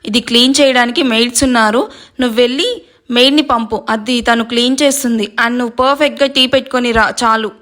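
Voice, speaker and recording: A woman's voice: fairly high pitch, fast, a bit bright, close to an everyday voice. Woman voicing a bossy teasing young husband. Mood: stern. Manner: stern, scolding, mock-angry.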